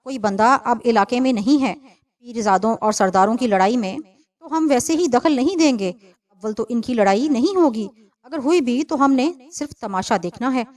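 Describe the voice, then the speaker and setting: A woman reads a loyal young village man from a storybook, calm and matter-of-fact. The voice is slightly high. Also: moderate pace, close to an everyday voice.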